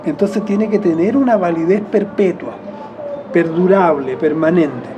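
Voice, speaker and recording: A man with a Chilean accent, explaining in a rambling, reflective way as an interviewee, often correcting himself mid-phrase and chuckling softly. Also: sits high, a little slow, lo-fi sound, background noise.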